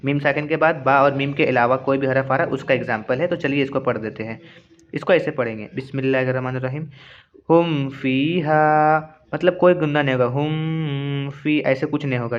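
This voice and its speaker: Patiently repeating each point, a man explains the rules of Quran recitation in a lesson, giving slow recited examples. His voice is medium-pitched and a little fast, and the audio sounds dull.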